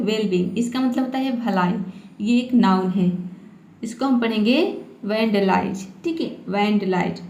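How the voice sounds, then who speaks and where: A woman who teaches English vocabulary in a patient manner. She spells out words and repeats them slowly, adding a steady "okay" after each point. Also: on the high side, reverberant. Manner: patient, repeats "ठीक है" often. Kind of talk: vocabulary lesson.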